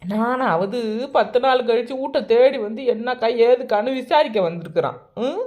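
A woman voicing an aggrieved young woman in a cartoon. She speaks, in a loud, pleading, complaining way. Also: on the high side, lively intonation, moderate pace, phone-quality sound, lightly acted. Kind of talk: animated cartoon voice acting.

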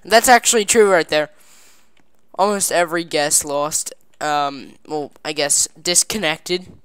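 A woman giving casual gameplay commentary at her computer, goofy and chatty, breaking into excited cheers, on a desk mic. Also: sits low, a little slow, clear, resonant tone, no echo, studio quality. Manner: excited squealing "yay" cheers and laughter; playful goofy broken phrasing. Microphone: desk microphone.

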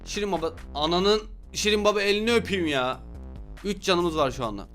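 A young man with a high, bright voice calls his game as he plays it, loud and full of jokes, cursing at his rivals. Faint game music runs under his voice. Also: lively intonation, brisk. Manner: loud, joking, swears at opponents. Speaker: gaming YouTuber. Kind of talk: excited gameplay commentary.

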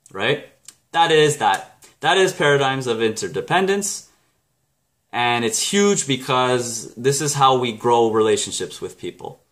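A man's voice: mid-range voice, fairly bright tone. A Canadian man explaining a self-help book chapter in a casual vlog, rambling and correcting himself as he goes. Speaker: book review vlogger.

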